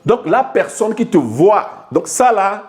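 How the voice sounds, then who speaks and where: A high-pitched, darkish-toned man from Togo, a life coach, speaks slowly but very animatedly in an informal video lesson. Addressing the viewer directly and familiarly, he explains his ideas while stumbling through repeated words and restarts.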